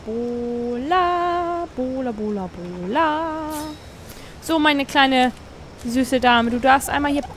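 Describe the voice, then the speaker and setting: Very high-pitched, gushing woman gamer. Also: slight background noise. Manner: gushing, cooing over cute creatures; excitable, repeats words in quick bursts. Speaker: let's play gamer. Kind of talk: casual gameplay commentary.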